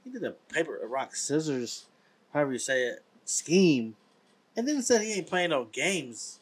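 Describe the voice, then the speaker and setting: A man's voice: fairly high pitch, sing-song, moderate pace, slightly rough, low-quality recording. A man hosting a reaction video, giving casual, impressed asides into a studio mic in a home studio. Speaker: reaction host. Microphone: studio mic with headphones.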